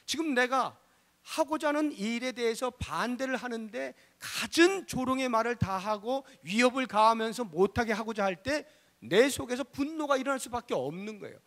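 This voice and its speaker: 큰 소리와 속삭임을 오가며 인용 대사를 연기하듯 설교하는 남성 목사. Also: male voice, extremely high pitch, lively intonation, moderate pace. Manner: dramatic, acts out quoted voices with big swings from loud to whispered. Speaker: pastor. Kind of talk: sermon. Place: church sanctuary. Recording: church hall with long reverb.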